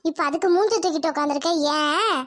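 A woman's voice: extremely high pitch, fast talker, a bit bright, no room sound, clean studio sound. A woman voicing a kindly older village neighbor woman who soothes and gives advice. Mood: soothing. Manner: soothing, advising.

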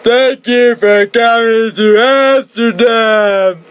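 A speaker voicing a smitten young man who talks in a lively, drawn-out, emphatic way. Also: mid-range voice, clean tone, pitched above the performer's own voice. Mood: eager.

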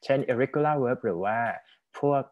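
Thai man tutoring English, slow and patient. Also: mid-range voice, muffled recording. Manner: mixes Thai and English, explains step by step with frequent check-ins. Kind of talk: online speaking lesson.

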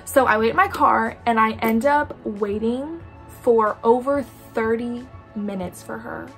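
A young woman chatting casually in a storytime vlog, animated, filling her talk with "like" and quoted asides. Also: a little high, unhurried, faint music behind. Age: young adult. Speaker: vlogger.

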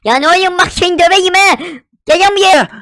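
A man's voice: extremely high pitch, fairly quick, sharp tone, pitched above the performer's own voice, heavily acted. A man voicing a bickering, cocky young male sidekick in a Minecraft gameplay role-play, teasing and arguing with his partner. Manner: teasing, argumentative.

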